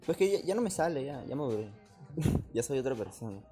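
A man's voice: medium pitch, big pitch swings, dark tone, soft background music. A young man, co-hosting a podcast in casual, slangy chat, often laughing. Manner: fast, slangy and laughing, slips into put-on voices. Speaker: podcast co-host.

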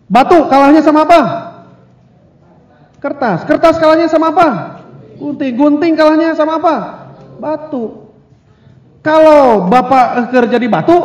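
High-voiced man giving a seminar. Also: darkish tone. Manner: mixes in Sundanese phrases, asks the audience questions, acts out little scenes. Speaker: speaker on family communication. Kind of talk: lively seminar talk to an audience. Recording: echoey hall, dull lo-fi sound.

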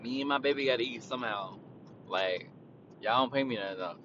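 A man in casual storytelling mode ranting about his retail job in a profane, laid-back way. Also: brisk. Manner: profane, laid-back, quotes people in a raised voice. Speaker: retail worker. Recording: dull lo-fi with vehicle rumble.

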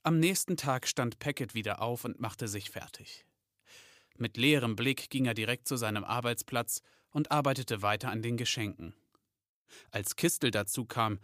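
A man reads a storybook aloud in a steady, mid-pitched voice. The recording is close and dry, with no room sound. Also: no echo. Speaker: narrator. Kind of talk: storybook narration.

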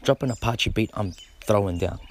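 Speaking at a normal speed in a lower voice, with slight background noise, a middle-aged breakdancer rambles easily to camera. He curses freely and repeats himself in this casual monologue.

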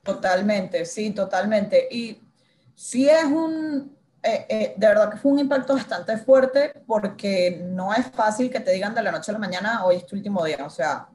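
A woman's voice: mid-range voice, unhurried. Woman in her thirties telling her story. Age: 30s. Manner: animated, acts out her own inner dialogue. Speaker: guest, journalist. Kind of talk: conversational interview storytelling.

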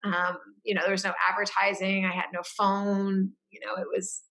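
A woman's voice: mid-range voice, flat delivery, moderate pace, fairly bright tone. A woman interview guest telling her life story in a reflective way, with frequent fillers and restarts. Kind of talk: casual personal storytelling.

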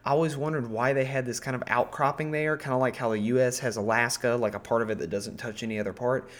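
A man's voice: medium pitch, steady tone, fast. Rambling, profane man explaining history. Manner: rambling, profane, full of ums and self-corrections. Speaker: podcast host. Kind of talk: casual history talk.

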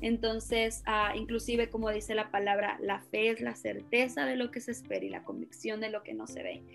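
Young woman, from Ecuador, youth pastor, earnest, warm, higher voice, soft music behind. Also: little pitch movement, normal speed, gravelly. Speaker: youth pastor and podcast guest. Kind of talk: interview conversation.

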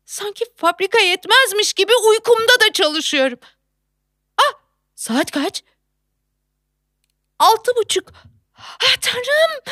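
A harried young working mother, played by a woman in a theatrical monologue, exclaiming in alarm one moment and cooing to her baby the next. Her voice sits high and leaps all over, yet she lingers unhurriedly over her words. The sound is dry and close, with no room around it. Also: pushed and bright, no room sound, full character voice. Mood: panicked. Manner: frantic, exclaiming, coos to a baby. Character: flustered young working mother, factory worker.

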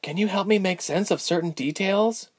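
A man's voice: high-pitched, normal speed, no room sound, studio quality, pitched above the performer's own voice. A man doing an anxious young woman with visions. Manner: anxious, pleading, rising to anger. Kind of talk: audiobook character voice.

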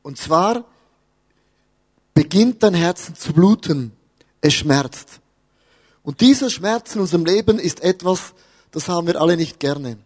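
A man's voice: fairly high pitch, expressive, a little slow, long pauses, darkish tone, big-room sound. Man preaching with humor. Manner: humorous, talks to the audience with questions. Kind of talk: lively sermon with stories. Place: church hall with audience.

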